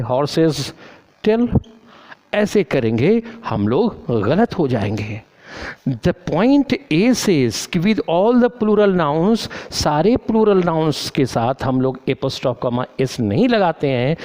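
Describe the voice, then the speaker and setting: A man's voice: a little high, darkish tone. A man teaching a grammar lesson, repeating points and asking and answering his own questions. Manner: slow, repetitive, drills questions and answers aloud. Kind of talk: explanatory lesson in Hindi with English terms.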